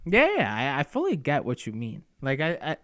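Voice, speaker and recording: A man's voice: fairly high pitch, huge pitch swings, brisk, fairly bright tone. A young man co-hosting a casual podcast, agreeable and laid back, calling his friend "bro". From Canada. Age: young adult. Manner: agreeable, frequent "bro" and "mm-hmm". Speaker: podcast co-host. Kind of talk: casual chat.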